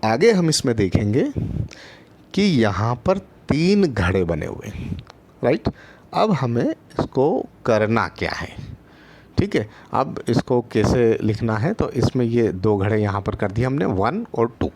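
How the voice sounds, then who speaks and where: A man's voice: mid-range voice, very animated, slow pace, darkish tone. A man teaching first graders in an online lesson, patient and repetitive, often checking in with his listeners and drawing out letter sounds. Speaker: primary school teacher.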